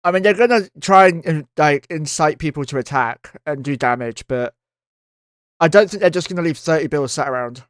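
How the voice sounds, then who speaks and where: A man's voice: fairly high pitch, normal speed, clear, resonant tone, dry recording, studio quality. A man giving casual live commentary on a game stream, thinking aloud and swearing freely.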